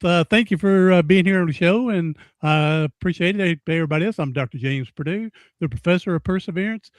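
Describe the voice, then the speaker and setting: This folksy man in his sixties hosts a casual podcast interview, rambling and frequently going back over what he's said. His voice is high and fairly quick, captured in a dry recording.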